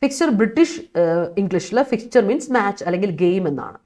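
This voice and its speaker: A woman's voice: medium pitch, expressive, fast talker, dark tone. Chatty woman teaching a live English class. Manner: mixes English words into explanations, reads student chat aloud, laughs often. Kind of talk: live online vocabulary class.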